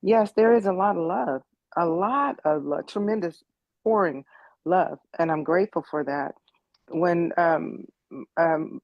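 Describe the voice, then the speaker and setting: This lo-fi clip features a woman in her sixties from the US, earnestly recounting personal experience in an online meeting and circling back over words as she thinks. Her pitch is fairly low and her tone darkish, with no room sound.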